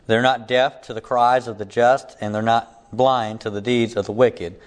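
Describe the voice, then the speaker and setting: A man giving a casual Bible lesson, his voice slightly hoarse and still recovering, keeping a deliberately level, near-monotone delivery. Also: medium pitch. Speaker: Bible teacher.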